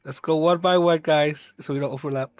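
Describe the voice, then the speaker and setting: A man's voice: fairly high pitch, fairly even intonation, brisk, dry recording. Man player on a dull, dry mic. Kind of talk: casual game chat.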